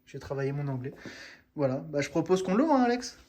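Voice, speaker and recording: A man's voice: fairly high pitch, very animated, brisk, a little mellow, slight background noise. A man hosting a casual product unboxing for a hobby shop, chatty and full of hesitant fillers.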